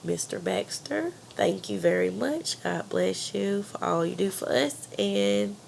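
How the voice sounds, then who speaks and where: A woman's voice: mid-range voice, unhurried, gravelly, a little mellow, a little hiss or hum. A woman with a country accent and a congested, pinched-nose nasal sound from being sick, earnestly giving an informal persuasive presentation. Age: adult.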